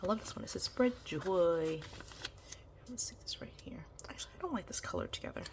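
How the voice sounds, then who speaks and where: Whispering a little fast, a woman vlogger with a fairly low, lively-intoned voice talks her way through planner decorating. She's sick and nasally congested, and her voice is beginning to go. Her casual plan-with-me chat wanders, packed with ums and you-knows.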